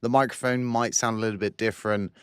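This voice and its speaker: Croaky, breathless man, low voice. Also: fairly even intonation, fast talker, fairly bright tone, dry recording, studio quality. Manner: rambling, repeats himself, lots of fillers. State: croaky and short of breath after surgery. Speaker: crypto channel host. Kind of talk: casual talk to camera. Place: studio booth. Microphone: new microphone.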